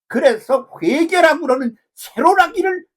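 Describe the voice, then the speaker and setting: A man's voice: very high voice, expressive, unhurried. An older man preaching a folksy, rambling sermon as a pastor, full of rhetorical asides. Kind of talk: conversational sermon.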